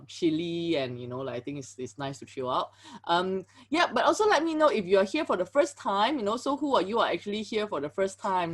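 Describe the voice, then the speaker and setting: A woman hosts a live webinar over a video call. She talks casually and fills her sentences with "you know" and "like" as she greets people and keeps things moving. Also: fairly low pitch. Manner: chatty, filler-heavy, greets viewers and reads chat aloud. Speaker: webinar host.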